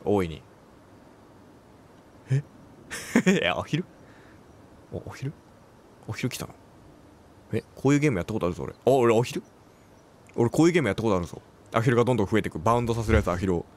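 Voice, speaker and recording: Talking to himself while gaming, a man reacts, jokes and exclaims in let's play style. His mid-range voice is a touch bright, with a little hiss or hum behind it.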